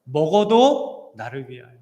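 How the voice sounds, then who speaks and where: Male pastor, high-pitched, earnest sermon with touches of humor, roomy sanctuary sound. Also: big pitch swings, unhurried, warm tone. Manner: earnest preaching mixed with light joke-telling. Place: church sanctuary. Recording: echoey church hall.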